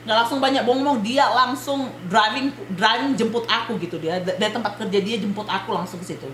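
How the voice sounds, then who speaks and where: A woman from Indonesia tells her story in an animated, casual vlog, with a high voice and frequent asides to her viewers. The room is echoey, with a faint hum underneath. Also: a little fast. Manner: animated, retells events while addressing viewers as friends. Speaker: vlogger.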